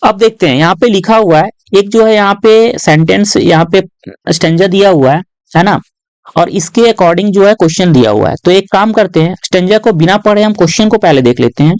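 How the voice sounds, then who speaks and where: A man tutoring students through exam questions in a patient, step-by-step way, often adding short tag questions and reading English lines aloud slowly. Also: high voice, a little mellow, no room sound, rough recording. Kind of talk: exam-prep lesson walkthrough.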